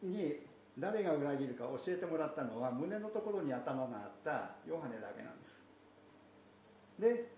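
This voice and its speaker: A man teaching from the Bible in a conversational way, slipping in playful asides and soft laughs. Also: fairly high pitch. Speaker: pastor. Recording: roomy echo, faint background noise.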